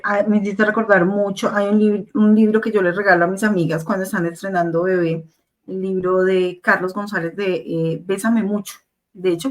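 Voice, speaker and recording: A woman in a parenting talk who affirms her guest and then tells her own everyday examples at length. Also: medium pitch.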